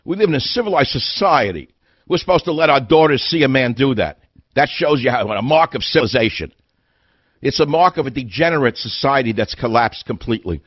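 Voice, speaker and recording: A man's voice: mid-range voice, expressive, fairly quick, dry recording, highs cut off. An older man hosting a radio talk show, delivering an indignant monologue full of hammering rhetorical questions. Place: radio studio.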